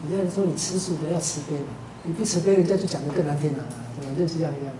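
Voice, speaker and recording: A man's voice: on the high side, racing. Teacher in his fifties, chatty storytelling, recorded from a distance with background noise. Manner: conversational storytelling with frequent filler syllables. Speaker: Buddhist teacher. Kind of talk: Buddhist teaching talk. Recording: roomy, distant, noisy lecture recording.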